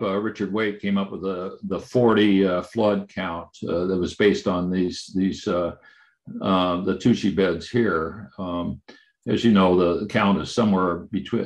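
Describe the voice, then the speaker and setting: A man giving a slide presentation about a river trip, speaking haltingly with many fillers and restarts. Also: low voice.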